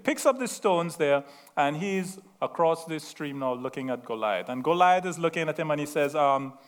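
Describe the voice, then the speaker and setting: A little high and fairly bright, the voice belongs to a middle-aged man with a Trinidadian accent delivering a sermon laced with asides and stories. Chatty and quick to laugh at himself, he often asks the room "right?"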